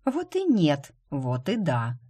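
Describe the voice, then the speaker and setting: A prickly, stubborn young woman from an audiobook snaps and protests in a voice lifted high above the woman reader's own low register. She sounds sharp and defiant. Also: sing-song, a little slow, breathy edge. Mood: indignant.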